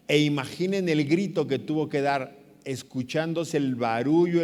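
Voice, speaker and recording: Man preaching a sermon in a reverberant church. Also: medium pitch. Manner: dramatic, shouting the blind man's cries in a raised voice. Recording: long hall reverb.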